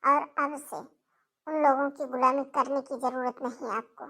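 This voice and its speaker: A woman's voice: sits high, steady tone, normal speed, sharp tone, full character voice. A woman voicing a kind, protective young sister-in-law in a cartoon, speaking in a firm, reassuring way. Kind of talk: cartoon voice acting.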